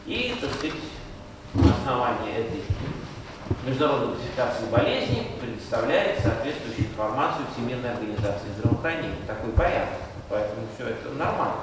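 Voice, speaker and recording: A man's voice: mid-range voice, very animated, a little fast. An older man lecturing medical students at a university in a wry, conversational way, often putting rhetorical questions to them. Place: large lecture room, recorded from far off. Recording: very echoey hall, distant mic, loud noise.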